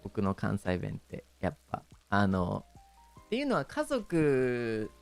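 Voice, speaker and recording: Man, Kansai Japanese accent, casual stream chat, very animated pitch, hesitant with many fillers, frequent laughs, faint background music. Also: takes it slowly, creaky.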